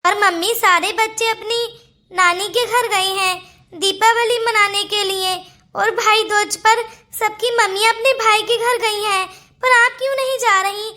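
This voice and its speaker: A woman's voice: extremely high pitch, fairly even intonation, a little slow, pushed and bright, full character voice. A woman voicing a curious little boy who pleads and wheedles in a cartoon story. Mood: pleading. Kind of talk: cartoon voice acting.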